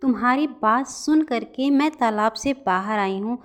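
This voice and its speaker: A gentle magical fish from a pond, played by a woman, talks in a raised, reassuring voice from a storybook cartoon. Her pitch sits fairly high and she sounds kind and soothing. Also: a little slow, lightly acted.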